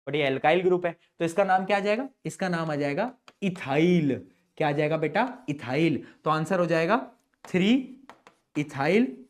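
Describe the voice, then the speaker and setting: A young adult man teaching chemistry in a playful, chatty way, joking with his students. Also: high-pitched. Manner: playful, chatty, calls students beta and bhai. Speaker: chemistry tutor. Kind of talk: chalkboard-style lesson explanation.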